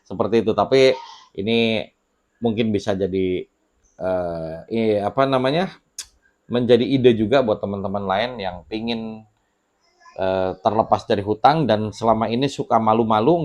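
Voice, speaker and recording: Guy with a lowish voice chatting to camera from a little home studio, laid back, lots of ums. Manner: relaxed, conversational, with many fillers and pauses. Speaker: channel host sharing debt advice. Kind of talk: casual talk to camera. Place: small home studio with children heard nearby.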